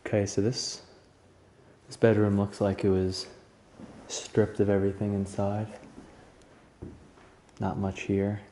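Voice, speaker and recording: A man casually narrating as he walks through an empty house, musing in relaxed, low-key asides. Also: slow, long pauses, slight background noise. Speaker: urban explorer filming a tour. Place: indoors in a large empty house.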